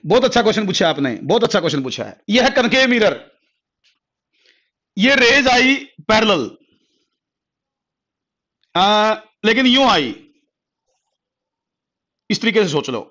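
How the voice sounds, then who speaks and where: A man teaching a physics class at a board. He repeats key terms over and over, dictates notes slowly word by word, and calls his students "beta" and "bhai". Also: high voice, very animated, bright, forceful tone. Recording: dull lo-fi classroom recording.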